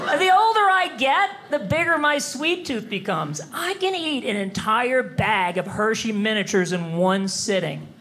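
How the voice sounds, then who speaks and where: A man in his fifties performing stand-up comedy on a theater stage, animated and slipping into voices of other people. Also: high voice, a little slow, hardly any pauses, noisy background. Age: 50s. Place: theater stage before a live audience. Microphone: handheld mic.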